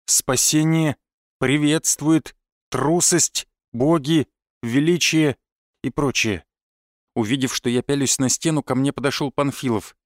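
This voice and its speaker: A man narrating an audiobook in a measured first-person storytelling manner. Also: mid-range voice, no room sound, studio quality. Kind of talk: scripted narration.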